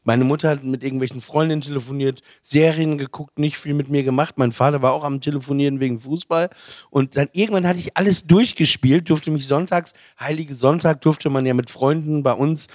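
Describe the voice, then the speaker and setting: A man from the Emsland region of northern Germany, chatting casually and telling lively anecdotes on a podcast. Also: a little high, brisk. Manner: lively anecdotal storyteller, lots of fillers. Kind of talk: casual chat, storytelling.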